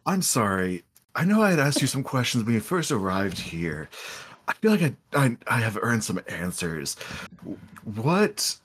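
A man's voice: medium pitch, big pitch swings, measured pace, husky. A man voicing a polite, bewildered male alien abbot in a tabletop game, talking in a hesitant, stammering and formal way. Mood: confused. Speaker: game master. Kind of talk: tabletop role-play voicing.

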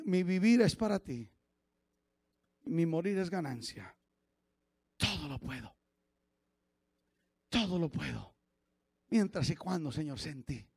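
A man preaching a fiery sermon as pastor, dropping to low murmurs and rising to shouted exhortation, often calling out "hermano". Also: vocal fry, no echo. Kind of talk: fiery Pentecostal-style sermon.

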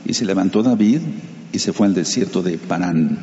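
A man with a low, mellow voice preaches a sermon, reading Bible passages and turning to the congregation to explain them. The sound is dull and carries a long hall reverb. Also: normal speed. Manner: reads scripture then explains it, addressing the congregation; uses Hebrew terms for sacred names.

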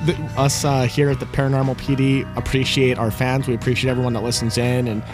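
A man's voice: medium pitch, flat delivery, fast talker, music in the background. A young man co-hosting a podcast, telling a story casually with laughs and loose asides. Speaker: podcast host. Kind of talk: casual chat.

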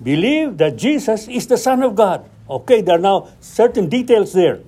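A man's voice: high-pitched, very animated, normal speed, mellow, slightly rough. A man leading a Bible study, preaching and acting out scripture dialogue with rising questions.

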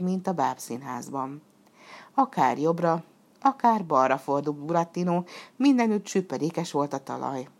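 A woman narrating a children's story aloud, expressive and at times dropping to a hushed whisper for suspense. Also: lowish voice. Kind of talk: storybook reading.

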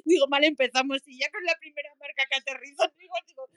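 Woman from Spain, animated anecdotes, fairly high voice, frequent laughter, dry close sound. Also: quick pace, dry recording. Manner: laughing storyteller, acts out dialogue. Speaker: guest. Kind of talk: casual chat. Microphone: online audio room.

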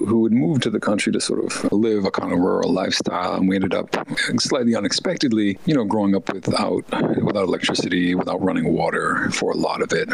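A man's voice: deep voice, vocal fry, slightly rough, low-quality recording. A man from rural Maine, a professor being interviewed, talking articulately with many filler phrases. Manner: articulate, lots of filler "you know".

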